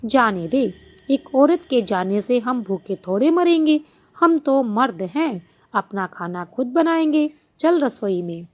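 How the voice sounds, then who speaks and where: A woman's voice: on the high side, sing-song, slow pace, darkish tone, dull audio. A woman voicing a hearty, bossy elder brother god who talks in a blunt, rustic, grumbling way. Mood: boastful.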